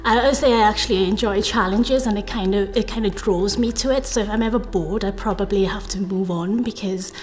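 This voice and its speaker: A woman in her thirties from South Wales speaks in a reflective interview at a middle pitch. She sounds earnest, often hedging and restarting her sentences. Faint music plays quietly behind her. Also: fairly quick, few pauses. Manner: earnest, hedging with frequent fillers and self-corrections. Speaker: interviewee, data professional.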